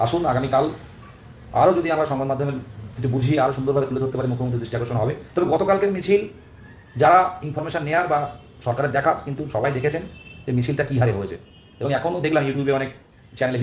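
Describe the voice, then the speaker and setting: A young man with a West Bengali accent and a hoarse, worn-out voice, making an earnest, urging live-stream appeal to followers. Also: medium pitch, very fast, a little mellow. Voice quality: hoarse, strained voice. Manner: urging, repetitive, earnest pleading. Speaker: activist leader among job-seeking teacher candidates. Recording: echoey, faint background noise.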